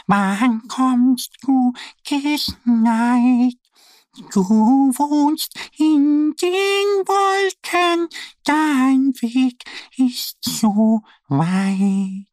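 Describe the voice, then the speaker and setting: A man voicing a cheerful, eager little female duck in a children's story, high and sing-song. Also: wildly swooping pitch, takes it slowly, a bit bright, husky, no echo, clean studio sound, heavily acted.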